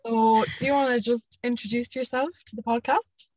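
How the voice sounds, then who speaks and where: A woman's voice: fairly high pitch, fairly even intonation, moderate pace, a little mellow, no room sound, dull audio. A dry, slightly dulled recording of a young Irish woman. She hosts a podcast and asks her questions in a casual, conversational way, with an Irish accent. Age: young adult. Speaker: podcast host, interviewer. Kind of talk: casual interview chat.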